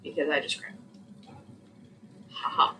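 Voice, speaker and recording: A woman's voice: measured pace, pushed and bright. Blunt, jokey young woman gaming. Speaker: let's play host. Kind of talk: casual gameplay chat. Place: home room while it rains. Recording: distant mic with faint noise.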